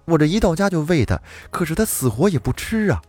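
A man's voice: on the high side, very animated, quick pace, darkish tone, no echo, faint music behind, voice pushed up. A man voicing a distraught young mother who pleads breathlessly about her crying child. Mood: pleading.

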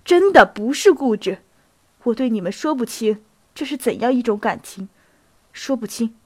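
A woman reading a proud young count who speaks in a halting, pleading way. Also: fairly high pitch, expressive, breathy edge, no room sound.

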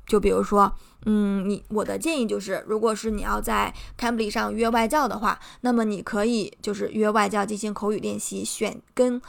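Here the young Chinese podcast host speaks in a mid-range voice that is a bit bright and marked by vocal fry. Her casual talk is earnest and encouraging, laying out her advice in clear steps.

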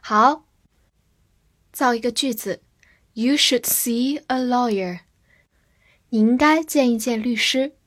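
Slow, clear woman teaching vocabulary. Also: a little high. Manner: slow, clear, spells words letter by letter. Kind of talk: scripted vocabulary lesson.

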